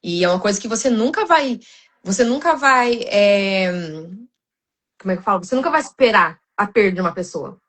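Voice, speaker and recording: Uma mulher brasileira, com sotaque brasileiro, fala com sinceridade em um podcast cristão, com muitas hesitações e recomeços. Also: female voice, mid-range voice, expressive, fairly quick, fairly bright tone. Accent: Brazilian Portuguese. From Brazil. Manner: earnest, many restarts and fillers, addresses listeners as "gente". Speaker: podcast guest.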